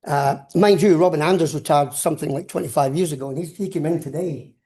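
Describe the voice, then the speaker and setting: An older Scottish man with a fairly high, mellow voice talks quickly through an informal science lecture, wandering into anecdotes and repeating words. He's a professor, and the recording has a roomy, echoing lecture-hall sound.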